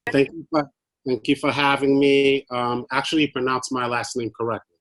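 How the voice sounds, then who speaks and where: A man's voice: mid-range voice, level tone, a little fast, a bit bright, no room sound. A man from Haiti giving a prepared talk on a video call, hesitant and a little nervous, with many fillers. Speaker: guest speaker.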